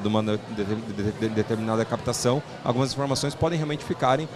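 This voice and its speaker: A man's voice: medium pitch, little pitch movement, fast talker. Brazilian man explaining over crowd chatter. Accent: Brazilian Portuguese. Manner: informal, explanatory, frequent question tags. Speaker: podcast guest, startup investment platform founder. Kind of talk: conversational interview answers.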